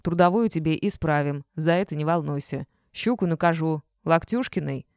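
Woman doing a domineering middle-aged man, gruff, bossy, blunt, dark mellow voice, dry. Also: deep voice, normal speed, dry recording. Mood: angry.

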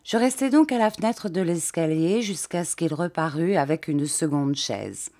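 A woman reading a classic novel aloud as an audiobook, with even, clear storytelling. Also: low-pitched, moderate pace. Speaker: audiobook reader.

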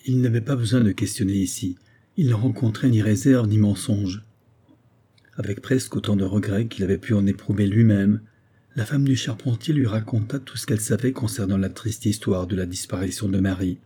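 A man narrating a classic novel as an audiobook, reading in a measured, even way. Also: lowish voice, breathy edge.

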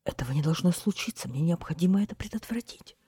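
A woman voicing a pompous male mayor who has been turned into a small mouse, squeaking and giving orders. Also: expressive, fast talker, dark tone, breathy edge. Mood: worried. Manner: squeaky, indignant, commanding.

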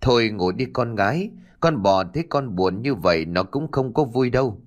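A man's voice: medium pitch, lively intonation, moderate pace, highs cut off, natural voice. A man voicing a worried, tender village mother who comforts her daughter. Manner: comforting, gently warning.

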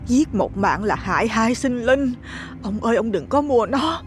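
A man's voice: very high-pitched, lively intonation, a little slow, faint music behind, voice pushed up. A man voicing a frightened, pleading middle-aged village wife in a ghost story. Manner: pleading, praying, anxious.

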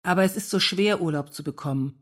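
Woman reader doing a sad, bitter male librarian-scholar in a read-aloud story; keep the voice lowish. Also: quick pace, lightly acted. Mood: gloomy. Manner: gloomy, bitter. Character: melancholy man, scholar and librarian.

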